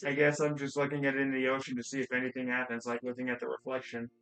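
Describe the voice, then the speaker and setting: A man's voice: mid-range voice, completely flat delivery, rapid-fire, a bit bright, poor audio. A man playing a tabletop game, hesitant and thinking aloud about his moves. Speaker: player. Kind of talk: casual chat in a tabletop game.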